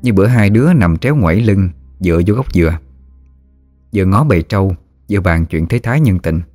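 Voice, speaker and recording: A man telling a ghost story, in a relaxed, folksy way. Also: deep voice, fairly quick, dry recording, soft background music.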